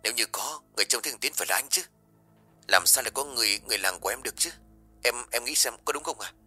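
A man voicing a scheming young man who talks in a fast, sharp, dismissive way. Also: mid-range voice, animated, breathy edge, faint music behind, voice pushed up, heavily acted. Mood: scoffing.

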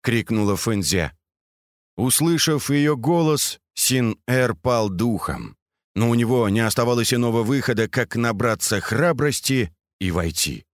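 A man narrating a classic novel aloud in an expressive reading style. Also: medium pitch, a little slow, no echo, clean studio sound. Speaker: audiobook reader.

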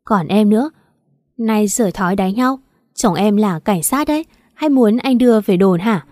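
A woman's voice: medium pitch, lively intonation, moderate pace, darkish tone, no room sound, lightly acted. A woman voicing a firm, scolding young husband who is a policeman. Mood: stern.

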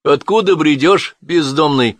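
A man's voice: medium pitch, moderate pace, no echo, close to an everyday voice. A man voicing a cheerful partisan who questions a stranger in a jovial way. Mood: probing.

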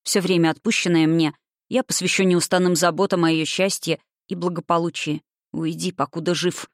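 The reader voicing a gentle young male healer in an audiobook, quiet and earnest. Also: mid-range voice, flat delivery, moderate pace, no room sound, studio quality, close to an everyday voice.

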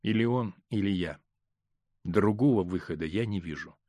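A male reader voicing a hurt, stern middle-aged husband in an audiobook, speaking in a measured, grave way that holds back pain. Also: sits low, darkish tone, dry recording, close to an everyday voice. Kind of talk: audiobook character reading.

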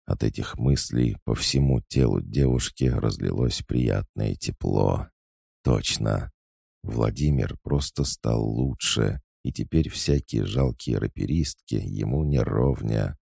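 A man's voice: rumbling low, measured pace, creaky, hardly any pauses, warm tone, slightly rough, no room sound, studio quality. A man reading a novel aloud, with dramatic, mocking storytelling. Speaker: audiobook narrator. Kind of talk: scripted narration.

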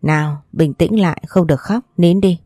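Woman doing a gentle young mistress, low voice. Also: normal speed, dry recording, studio quality. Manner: gentle, soothing, persuasive. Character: young mistress of a wealthy house, kind and coaxing.

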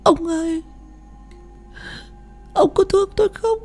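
A woman's voice: extremely high pitch, lively intonation, a little slow, creaky, darkish tone, faint music behind, exaggerated voice. A woman voicing a grieving old widow who pleads through tears. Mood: tearful pleading. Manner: tearful, pleading, sobbing. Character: grieving old widow haunted by her husband.

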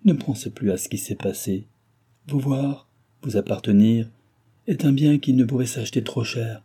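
A man voicing a frail, gentle young woman, ill in bed, speaking softly and tenderly in a read-aloud novel. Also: moderate pace, slightly rough, natural voice. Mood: faint. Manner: soft, tender, raised pitch.

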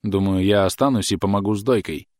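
A man voicing a brash, cheerful young male soldier who shouts boisterously in an audiobook. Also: lowish voice, quick pace, no room sound, studio quality, lightly acted. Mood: jovial. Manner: boisterous, shouting across a field.

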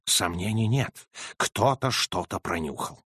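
A cool, unflappable detective who speaks low and measured, as a man reading a storybook puts him on. He never hurries. The recording is close and dry. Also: slightly rough, dry recording, full character voice. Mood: calm. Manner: calm, measured, understated. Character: calm, unflappable male detective, middle-aged.

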